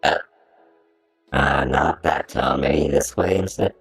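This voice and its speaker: A man testing a live voice changer that shifts his voice deep down, repeating one line while tuning the settings. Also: takes it slowly, creaky, breathy edge, faint music behind, full character voice. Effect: deep pitch-shifted voice changer. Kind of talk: live voice changer test during a game stream.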